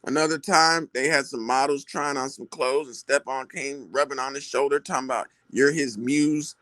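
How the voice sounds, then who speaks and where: A man's voice: mid-range voice, steady tone, brisk, sharp tone, no room sound. A man giving casual celebrity gossip commentary, retelling stories in slangy talk and acting out the quoted lines.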